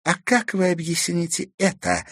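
A steady, probing teenage girl asks pointed questions in a lifted, even voice, as a male narrator voices her. She keeps her composure and presses on. The recording is dry and close. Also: sits high, normal speed, slightly rough, dry recording, pitched above the performer's own voice, heavily acted. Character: calm, persistent, inquisitive teenage girl.

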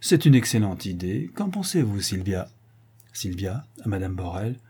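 A man reading the part of an eloquent, composed young gentleman host in a storybook reading. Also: fairly low pitch, very animated, normal speed, breathy edge, exaggerated voice.

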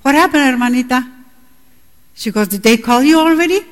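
Middle-aged woman preacher, impassioned and high-pitched, with a long hall echo. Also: animated, moderate pace. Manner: impassioned, rising to cries at times. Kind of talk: bilingual sermon. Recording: long reverb in a large hall.

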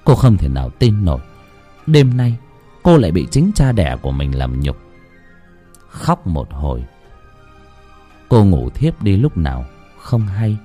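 Male horror narrator, low voice, very animated, music underneath. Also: unhurried, pauses often, breathy edge. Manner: dramatic, emotive storytelling. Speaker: ghost story narrator. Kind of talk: scripted horror story narration.

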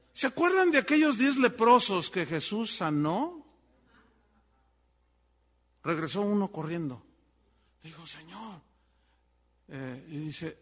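A man preaching a sermon, telling a story and acting out the voices of the people in it. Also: long reverb tail. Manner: animated storyteller acting out voices, wide swings in pitch and volume. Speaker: pastor.

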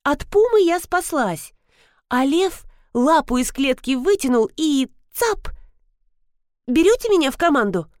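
A woman's voice: high voice, big pitch swings, measured pace, a little mellow, dry recording, clean studio sound, pitched above the performer's own voice. A woman voicing an eager, pushy young woman who boasts and insists on joining in.

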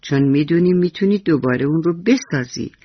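A woman voicing a kind, patient old grandfather who speaks slowly and softly, on a dull lo-fi radio recording. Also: sits low, husky, no echo. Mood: tender.

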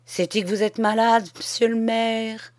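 A woman's voice: a little high, measured pace, no room sound, clean studio sound, pitched above the performer's own voice, close to an everyday voice. A woman reading a storybook, voicing a blunt former soldier who now works as a village postman and speaks in a firm, rustic way. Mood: wary. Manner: rustic speech, calm and firm.

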